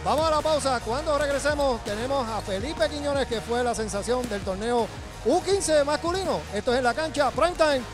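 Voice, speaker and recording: A man with a Puerto Rican accent hosting a live sports show courtside with a handheld mic, brisk and chatty. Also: extremely high pitch, music in the background. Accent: Puerto Rican Spanish. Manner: brisk, chatty, broadcast delivery. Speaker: sports TV host. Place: courtside in an indoor basketball arena. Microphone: handheld microphone.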